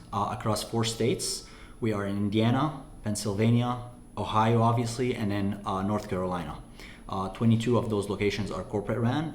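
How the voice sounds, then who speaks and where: A man from Lebanon, a company president, answering interview questions with frequent "uh" pauses. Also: lowish voice, echoey room. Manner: hesitant, many "uh" fillers.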